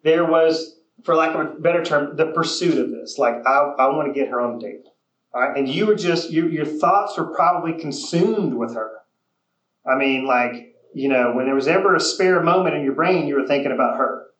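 A man's voice: fairly high pitch, moderate pace, a bit bright. A man coaching a group of real estate agents in a training session. He speaks directly and keeps checking in with the room for agreement. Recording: echoey room.

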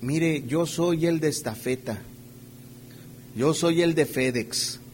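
Pastor with a higher voice. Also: male voice, slow, a little hiss or hum. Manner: checks in with the audience through frequent rhetorical questions; playfully acts out everyday scenes while preaching. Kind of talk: conversational sermon.

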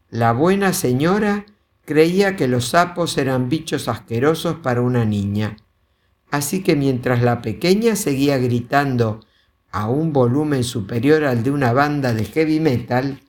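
Casting note: storyteller, children's storybook reading, slow and lively in pitch. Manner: expressive, unhurried.

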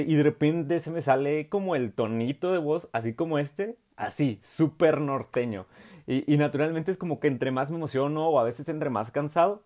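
Young Mexican man, youth preacher, casual slangy sermon, animated delivery. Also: a little high. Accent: Mexican Spanish. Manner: animated, slangy, laughs often.

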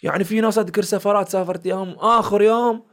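On a casual podcast, a young Bahraini man who works as a content creator and comedian tells stories in a village Bahraini accent, playing out the people he quotes. His voice is high and his speech races along.

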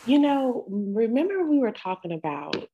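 A woman's voice: a little high, big pitch swings, moderate pace, mellow, lo-fi sound, a little hiss or hum. An American woman co-hosting a podcast in casual conversation, responsive and often chiming in with affirmations. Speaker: podcast co-host. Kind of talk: casual chat.

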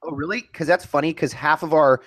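A fairly high-pitched man argues his point in a heated, casual podcast debate. He is emphatic and insistent, and he often trips over his own phrasing and restarts mid-sentence. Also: steady tone, brisk, a bit bright.

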